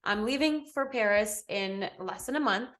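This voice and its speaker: A young English woman co-hosting a podcast, talking in a chatty, animated way. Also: medium pitch, normal speed. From England. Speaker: podcast co-host. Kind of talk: casual chat.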